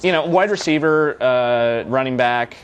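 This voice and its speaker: A man's voice: medium pitch, measured pace. A man reviewing a video game in a casual live broadcast, rambling with lots of restarts and repeated words.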